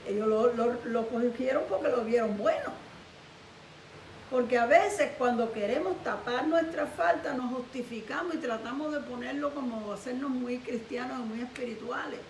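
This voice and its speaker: High-voiced woman pastor preaching. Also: normal speed. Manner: animated storytelling preaching. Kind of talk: sermon. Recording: echoey room, distant mic, faint hiss.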